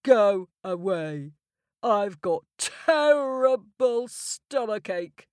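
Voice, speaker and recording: A woman voicing a grumpy, sick male giant in a storybook tale, moaning slowly and sulkily. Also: mid-range voice, animated, darkish tone, no echo, studio quality. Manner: slow, sulky, sing-song moaning.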